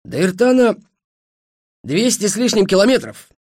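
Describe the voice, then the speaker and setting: Male reader doing an old machinist: high, lively, dry and knowing. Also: moderate pace, dry recording. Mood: matter-of-fact.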